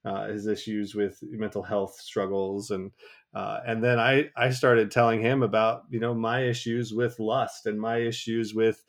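A young man hosting a podcast, earnest and conversational, growing animated when retelling a story. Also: on the low side, measured pace. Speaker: podcast host.

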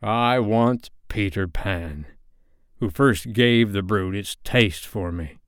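Storybook pirate captain, male, acted by a man: brooding, vengeful, petulant, low-pitched, drawn-out menace. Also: clean tone, no echo, studio quality. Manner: slow, dark, menacing delivery. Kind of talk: storybook character voice.

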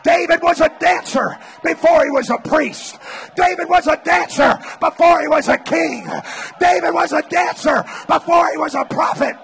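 Man, preacher, very high voice, bright and forceful, shouting, revival meeting, crowd noise behind. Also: moderate pace, gravelly. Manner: repetitive exhortations, speaking in tongues. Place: large church meeting.

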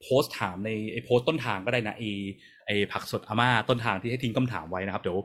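A man hosting a casual live question-and-answer podcast on a video call, explaining at length in a relaxed way. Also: fairly low pitch, fast. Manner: relaxed, explains at length with fillers and small laughs. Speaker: podcast host and design research director.

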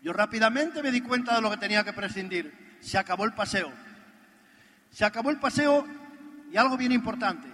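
High bright-voiced man in a reverberant hall. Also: fast, few pauses. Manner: animated storyteller, rhetorical questions. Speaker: motivational speaker at a business convention. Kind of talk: motivational stage talk. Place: large convention hall.

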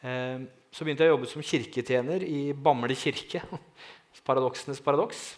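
A man telling a personal testimony in a lively way, often asking his listeners "right?" and swinging from quiet to loud. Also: mid-range voice. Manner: lively, asks the audience "right?", dramatic swings in loudness. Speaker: speaker giving a testimony.

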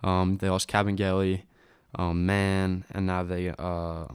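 A man co-hosting a casual sports podcast, giving his picks in relaxed conversation. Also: low voice, measured pace, clean tone, dry recording, clean studio sound. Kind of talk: casual sports preview chat.

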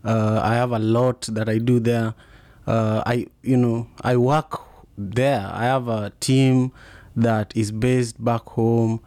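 A man with a strong Kenyan accent hosts a conversational podcast. He grew up speaking Luo and Kiswahili, and his voice sits at a middle pitch in a dry, close recording. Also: little pitch movement, slow, darkish tone, dry recording. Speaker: podcast host. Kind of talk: casual conversational interview.

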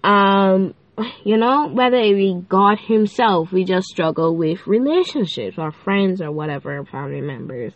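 Bubbly and playful, a teenage podcast host chats casually about faith, peppering her talk with fillers and giggly asides. Her medium-pitched voice is animated and measured, with a lilt, and sounds stuffy and nasal because of a cold. The lo-fi recording is close up in a dry, dead space without room sound.

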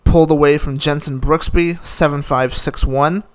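A man's voice: fairly high pitch, fairly even intonation, moderate pace. A man giving a casual, opinionated recap of the day's tennis results, rattling off scores with dry asides. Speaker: tennis commentator.

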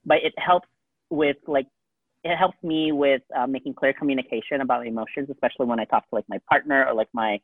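A man's voice: medium pitch, steady tone, fast talker, no room sound. A man co-hosting a podcast in casual chat, rambling with lots of "like" and "um" fillers. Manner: rambling, heavy use of "like" and "um". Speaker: podcast co-host. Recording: tinny phone-like dry sound.

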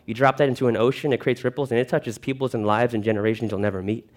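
A man speaking to a church congregation, giving an earnest personal testimony and telling animated stories. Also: medium pitch, quick pace.

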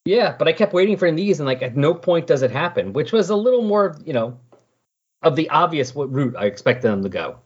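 A very animated man with a fairly high, slightly rough voice speaks briskly as he hosts a podcast about comics. His recap is casual and rambling, peppered with lively paraphrased character dialogue in asides; the recording is dull and lo-fi.

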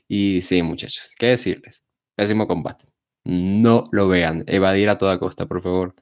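A man co-hosting a casual wrestling discussion, talking informally and haltingly with chatty asides. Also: low-pitched, steady tone. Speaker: wrestling show co-host.

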